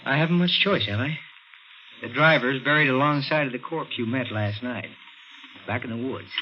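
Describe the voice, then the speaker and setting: A man with a mid-range, everyday-sounding voice at normal speed plays a cold murderer posing as a helpful policeman in a 1950s radio thriller, clipped and matter-of-fact. His mood is cold and menacing, and the 1950s radio recording is muffled and noisy.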